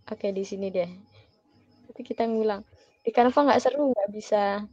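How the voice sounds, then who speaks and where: A young woman giving a relaxed, chatty private language lesson, patient and quick to laugh. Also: medium pitch, no echo, dull audio. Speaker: Mandarin tutor.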